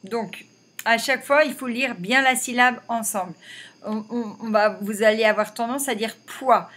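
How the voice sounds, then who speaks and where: A woman teaching a reading lesson to young children, slowly sounding out syllables one by one. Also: fairly high pitch, fairly even intonation, fairly bright tone. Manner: slow and deliberate, sounding out syllables. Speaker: primary school teacher.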